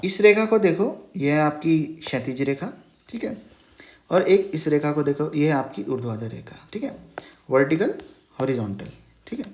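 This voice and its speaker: With a little hiss or hum and a roomy echo, a man teaches math in Hindi at a whiteboard. His voice sits on the high side, animated and moderately paced, as he patiently repeats key terms as questions and adds "okay" after nearly each phrase.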